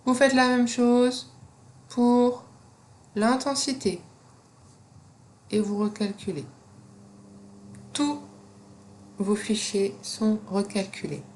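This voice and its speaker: A woman with a non-native French accent walks students through a software tutorial at a slow, unhurried pace. She pauses often with fillers as she explains each step, recorded on a computer mic with faint background noise. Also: on the high side. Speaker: teacher.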